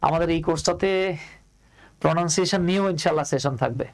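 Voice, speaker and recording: Bangladeshi man teaching, repeating himself, fairly high voice. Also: quick pace, vocal fry, rough recording. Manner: repeats phrases and quizzes students; addresses students as dear. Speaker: English teacher. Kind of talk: online class lecture.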